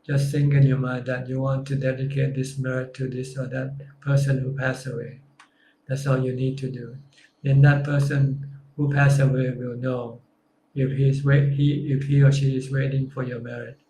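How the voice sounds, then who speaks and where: Male Buddhist teacher, even and unvarying tone, live Q&A answers, roomy echo. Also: mid-range voice, normal speed, a little hiss or hum. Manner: calm, simple, plain-spoken answers. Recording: echoey room.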